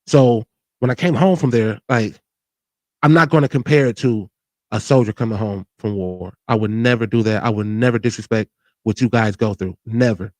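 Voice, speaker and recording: A lowish, slightly mellow male voice at normal speed belongs to a forty-something show host. He talks frankly and earnestly about himself, restarting often and saying "you know what I mean." There's no room sound.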